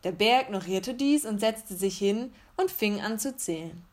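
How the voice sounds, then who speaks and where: Calm woman reading a bedtime story. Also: medium pitch, normal speed.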